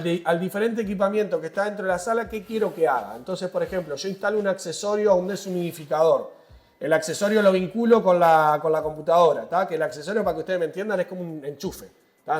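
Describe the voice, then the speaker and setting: High-voiced man explaining gear. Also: darkish tone. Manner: patient, many fillers and checks with listeners. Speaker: product trainer. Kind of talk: explaining equipment at a training session.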